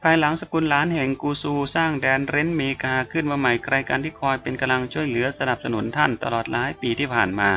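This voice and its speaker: A man's voice: mid-range voice, steady tone, fast, few pauses, pushed and bright. A man voicing a cunning wounded man, bitter and cornered, speaking in a venomous, pleading way. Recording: dull lo-fi with faint music.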